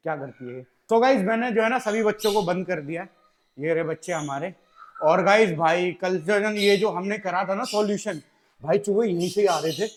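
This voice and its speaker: A man filming a casual home vlog about his pet birds, chatting to viewers and playfully scolding and coaxing the birds. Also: sits high. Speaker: pet vlogger. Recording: noisy with bird squawks behind.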